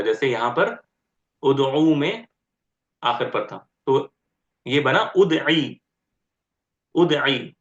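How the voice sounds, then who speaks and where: Slow, repeating grammar teacher in a roomy lo-fi recording. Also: male voice, medium pitch. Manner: explains step by step, often asks "ठीक है?"; repeats word forms slowly and deliberately. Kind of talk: online grammar lecture. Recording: roomy, dull lo-fi sound.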